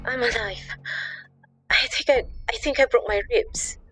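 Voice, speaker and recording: A man voicing a terrified, injured young woman on the run, breathy and strained. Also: very high voice, lively intonation, unhurried, pushed and bright, faint music behind, voice pushed up, exaggerated voice. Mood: hurt, breathless. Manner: pleading, panicked.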